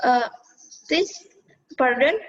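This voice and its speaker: A woman student answers her teacher in halting English, full of pauses and fillers. Her voice is high and she speaks very slowly. The sound is dull and lo-fi, like a video call. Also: expressive. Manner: hesitant, many pauses and fillers.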